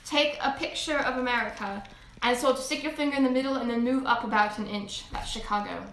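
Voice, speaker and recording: A deadpan demon lord with a crisp British accent, voiced by a woman in a cosplay role-play livestream. The voice sits high and bright, with a sharp edge. It sounds like an echoey room. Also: a little fast, a little hiss or hum. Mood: dry teasing.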